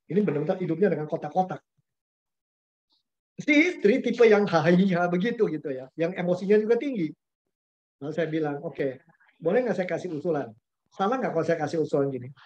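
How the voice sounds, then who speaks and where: A man's voice: a little high, expressive, brisk, darkish tone. A man, a pastor giving a conversational webinar talk, telling anecdotes in a chatty way with slang and English words mixed in. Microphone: webinar video call. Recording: dull lo-fi webinar audio.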